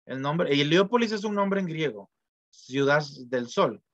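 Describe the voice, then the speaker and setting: A man's voice: on the high side, expressive, a little slow, fairly bright tone, no room sound. A middle-aged man, lecturing in a loose, digressive way with frequent tag questions and fillers. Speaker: professor. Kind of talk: informal university lecture. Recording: dull, dry lo-fi lecture audio.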